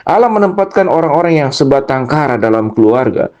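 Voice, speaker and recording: A man's voice: mid-range voice, very animated, fairly quick. Earnest male preacher, lo-fi sound. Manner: earnest, gently encouraging, emphatic. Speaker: youth preacher. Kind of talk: devotional talk to children.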